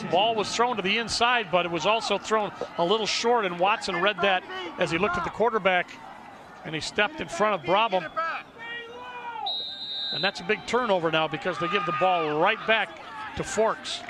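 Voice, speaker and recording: At an outdoor stadium, a man with a high voice gives folksy, conversational color commentary on a football game, frequently repeating his phrases. He speaks at a normal speed over a very noisy crowd, in the style of conversational sports analysis on a broadcast.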